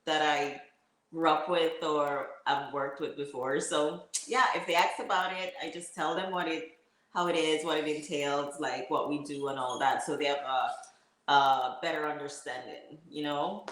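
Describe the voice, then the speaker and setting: A woman's voice: deep voice, fairly even intonation, a little slow, a bit bright. A woman with a Jamaican accent, speaking as an interview guest and laughing often between phrases. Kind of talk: casual interview chat. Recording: very echoey room.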